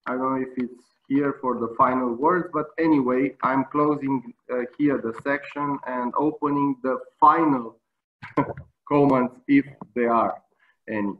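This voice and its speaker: Polite moderator on a tinny line. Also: male voice, medium pitch, steady tone, slight background noise. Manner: polite, thanking, slightly halting. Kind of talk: closing a panel discussion. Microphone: video call.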